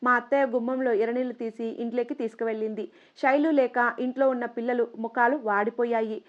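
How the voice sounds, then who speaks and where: A woman narrating a first-person story in a steady, even reading voice. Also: fairly high pitch, fast talker, dull audio.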